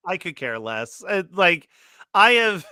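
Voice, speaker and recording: A man's voice: high-pitched, sing-song, unhurried, sharp tone, clear, resonant tone, no room sound, studio quality. A man co-hosting a podcast in casual chat who laughs often and keeps saying "like". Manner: laughs often, says "like" a lot. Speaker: podcast co-host.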